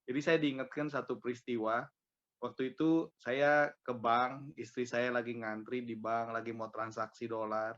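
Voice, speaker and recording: A man telling a personal testimony to his small group in a casual, animated way, full of repeated filler tags. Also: mid-range voice, moderate pace. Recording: dull lo-fi recording.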